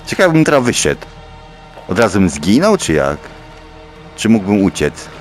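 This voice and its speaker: A man's voice: fairly low pitch, wildly swooping pitch, normal speed, faint music behind. A man playing a horror game and talking through it, swearing often, muttering to himself and shrieking in fright. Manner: jumpy, swears a lot, shrieks when scared, mutters to himself. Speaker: gaming YouTuber. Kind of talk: horror game let's play commentary.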